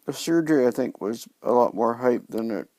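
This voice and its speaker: A man talking in a casual video diary, halting and subdued as he recovers from oral surgery, his speech slightly impeded by new dentures and a sore mouth. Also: medium pitch, mellow, dry recording. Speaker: vlogger sharing recovery from dental surgery.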